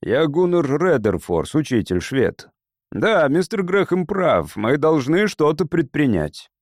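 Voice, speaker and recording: A stocky, earnest male teacher, played by the narrator in a spoken novel. He speaks in slow, measured words, with a dry, close sound. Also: on the high side, very animated, darkish tone, no echo. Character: heavyset blond Swedish male teacher.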